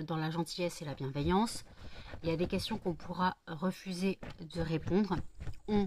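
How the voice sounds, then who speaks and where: Low-voiced woman chatting in a rambling vlog. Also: a little mellow, a little hiss or hum. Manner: rambling, repeats herself. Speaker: vlogger and small candle seller. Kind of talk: casual late-night vlog chat.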